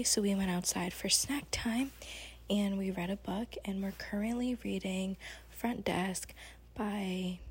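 A young woman with a husky, breathy voice casually rambling through a personal audio diary, correcting herself as she goes. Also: medium pitch. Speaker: teacher recording an audio diary.

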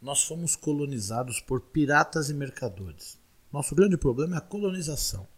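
An animated, fairly high-pitched voice with a breathy edge belongs to a 40-something candidate from Guarulhos, São Paulo, Brazil, who has a São Paulo accent. At a moderate pace, he responds to interview questions in an emphatic, repetitive, oratorical style.

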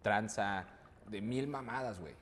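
A man's voice: on the low side, a little slow, fairly bright tone. Mexican man, podcast guest, slangy and profane, medium voice, recorded with reverb and faint noise. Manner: slangy, swears freely, ends phrases with "güey". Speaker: guest, business owner. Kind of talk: casual podcast chat.

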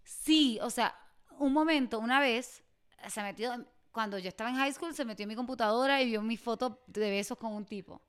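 A young woman with a Puerto Rican accent, telling lively stories as a co-host in casual chat. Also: on the high side, moderate pace, smooth. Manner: animated storyteller, laughs often. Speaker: podcast co-host.

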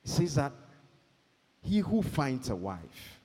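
Husky preacher man in echoing hall. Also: mid-range voice, big pitch swings. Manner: call-and-response, calls for amens; slow, emphatic, swells to shouts. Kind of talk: sermon. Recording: long hall reverb.

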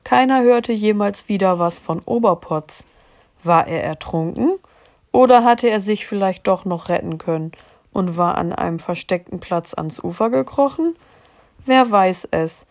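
A woman reading a children's storybook aloud to a child, calm and gently expressive. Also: mid-range voice, measured pace.

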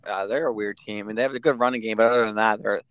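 A man's voice: fairly low pitch, fairly even intonation, rapid-fire, a bit bright, smooth, no room sound. A man co-hosting a sports podcast, talking in a laid-back way, with lots of fillers and some swearing. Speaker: podcast co-host. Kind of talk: casual sports chat.

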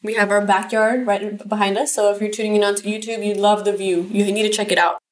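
A woman's voice: medium pitch, flat delivery, fast. A woman with an American accent, chatty and giggly, co-hosting a casual podcast. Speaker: podcast co-host. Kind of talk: casual chat. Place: home living room.

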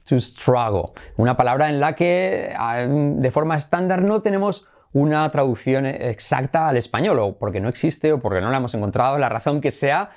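A man runs an English lesson in a lively, teacherly way. He says the English phrases over and over, slowing them down for practice. His voice sits in an ordinary middle pitch. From Spain. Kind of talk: Spanish-language English lesson.

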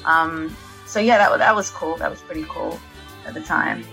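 A young Englishwoman, a singer, chats casually as an interview guest, laughing often and full of fillers and restarts. Her voice is deep with vocal fry and a slightly bright edge, at a normal pace. The recording is rough, with faint music in the background.

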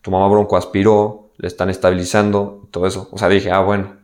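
Young Mexican man, lowish voice. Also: flat delivery, brisk, darkish tone. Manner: candid, slangy, acts out quoted dialogue. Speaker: guest. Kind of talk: casual personal storytelling.

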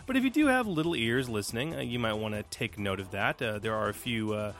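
A man acting as game master, reading out a mission briefing with emphatic jumps in pitch at the start of phrases, then introducing the players. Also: lively intonation, a little fast, a bit bright, faint music behind. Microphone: voice call setup.

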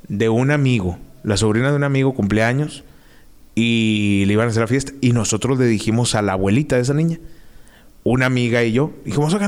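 Monterrey guy spinning funny stories, lots of slang, average pitch. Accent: northern Mexican, Monterrey. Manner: slangy, animated, acts out quotes. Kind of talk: casual storytelling.

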